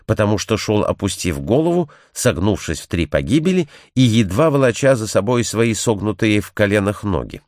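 A man voicing a timid young blonde woman who earnestly tells what she witnessed, in a measured storytelling manner. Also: mid-range voice, a little mellow, dry recording, clean studio sound, natural voice.

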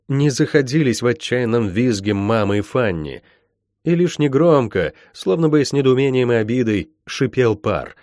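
A man reading an audiobook aloud in expressive, dramatic scripted narration. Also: mid-range voice, dry recording, clean studio sound. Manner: dramatic, varied delivery. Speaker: audiobook reader.

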